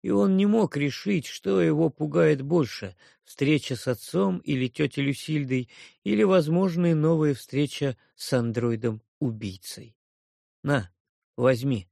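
A man narrating an audiobook in an expressive reading voice and switching into character voices. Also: on the high side, a little slow, gravelly, no echo, studio quality. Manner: expressive, acts out many characters.

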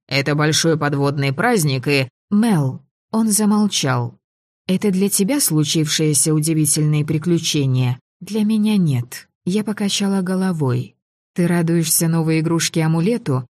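Woman, first-person audiobook narration, low mellow voice, expressive, dry close recording. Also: dry recording. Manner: expressive, lively in dialogue.

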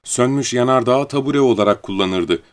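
A man narrating a storybook audiobook in a calm, even storytelling manner. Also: medium pitch, moderate pace, clear, resonant tone.

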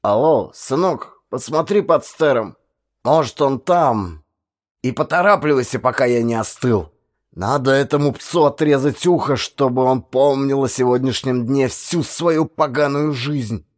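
A man voicing a stern, proud older male householder who talks in a gruff, scornful and commanding way in a storybook reading. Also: mid-range voice, unhurried, natural voice.

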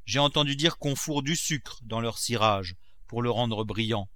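Male reader as an old miser, curt and commanding, bright voice. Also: medium pitch, measured pace, dry recording, natural voice. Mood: lecturing. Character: old miserly cooper, stingy master of the house.

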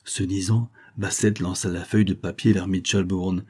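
Low husky male audiobook narrator. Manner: measured, even storytelling. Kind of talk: scripted literary narration.

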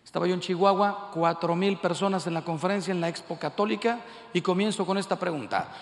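Mexican priest in his 50s, preaching with jokes and little acted-out scenes, higher voice, echoey big hall. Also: brisk. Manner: animated storytelling, acting out dialogue in voices. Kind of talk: humorous sermon to a large audience. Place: large hall with live audience.

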